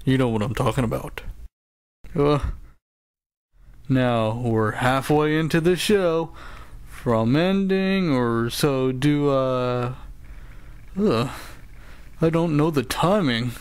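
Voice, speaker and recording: At medium pitch, with a clean, natural voice and no echo, a man plays a cartoon announcer who is broke and always grumbling. It's comedic voice acting full of whining, sarcasm, sighs and groans.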